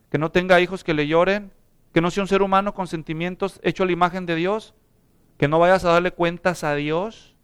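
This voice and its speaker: High, smooth-voiced man preaching. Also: a bit bright. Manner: preaching with rhetorical questions to the congregation. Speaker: pastor. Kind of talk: sermon.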